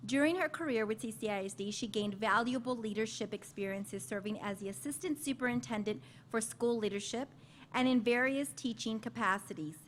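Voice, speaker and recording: A woman's voice: on the high side, a little fast, slight background noise. A woman moderating a university panel, reading guest introductions and asking questions in an upbeat way. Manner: warm, upbeat praise of guests.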